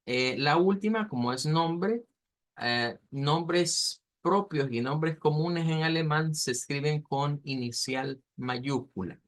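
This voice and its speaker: A man teaching an online language class, explaining step by step and slowly modeling pronunciation. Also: fairly high pitch, fairly bright tone.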